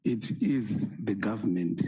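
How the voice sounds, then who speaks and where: A man from Zimbabwe, a college principal answering questions at a hearing, halting and hesitant. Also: on the low side, mellow, slightly rough. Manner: hesitant, halting, many fillers.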